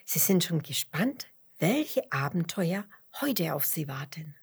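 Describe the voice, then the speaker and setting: A woman tells a children's bedtime story in a soft, half-whispered voice. She reads slowly with a lively, rising and falling melody. Her tone is breathy and husky. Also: sits low.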